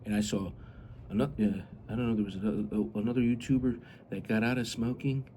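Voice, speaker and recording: A man's voice: lowish voice, steady tone, fast, dark tone, slight background noise. A man chatting casually and rambling as a hobby vlogger, blunt and grumbling, with some mild swearing.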